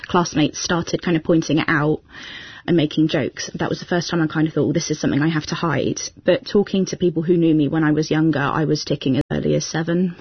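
Young woman w a husky gravelly voice, thoughtful, dry dull recording. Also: low voice, no room sound. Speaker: guest. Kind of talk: personal account in an interview.

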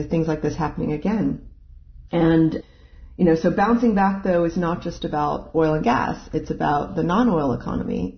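An expert interviewee giving analysis in a halting way, thinking aloud. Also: mid-range voice, muffled recording.

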